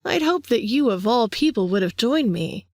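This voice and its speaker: A woman's voice: on the high side, lively intonation, normal speed, a little mellow, no echo, clean studio sound. A woman voicing a power-hungry vampire man who taunts his younger brother in a sing-song way. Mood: menacing.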